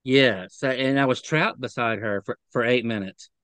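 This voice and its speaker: A man's voice: mid-range voice, a bit bright, no echo, poor audio. A man giving a guest's testimony over a video call, speaking earnestly and stumbling over repeated words. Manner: earnest, halting, repeats words when upset. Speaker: interview guest. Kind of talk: remote interview testimony.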